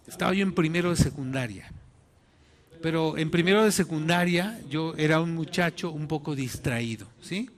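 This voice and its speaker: Mexican pastor guy preaching, pretty high voice, tells stories and does all the voices. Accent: Mexican Spanish. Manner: animated, acts out voices in his story. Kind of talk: sermon with personal storytelling.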